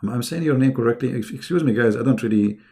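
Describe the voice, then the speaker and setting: A middle-aged man who speaks English as a second language hosts a live online debate, mocking, emphatic and sarcastic. His medium-pitched voice is fast and warm, with vocal fry.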